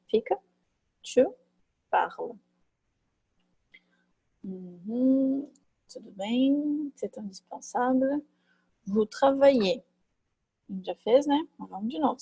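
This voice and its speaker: A woman teaching a French class online, chatty and thinking aloud, with many fillers and quick tag questions, on a computer mic. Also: mid-range voice, gravelly, mellow, slightly rough, dry recording, poor audio. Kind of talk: online class, explaining grammar.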